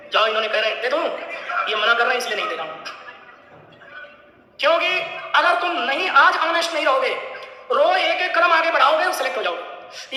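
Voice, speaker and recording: A middle-aged man teaching an English class, lecturing loudly with teasing scolds at his students. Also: extremely high pitch, very echoey, big-room sound, low-quality recording. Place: large lecture hall.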